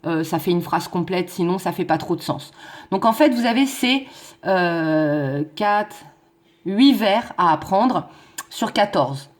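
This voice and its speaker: A woman's voice: fairly low pitch, lively intonation. Woman teacher explaining English verse. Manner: explains slowly, switching between French and English; counts stresses and beats aloud. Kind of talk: recorded online lesson.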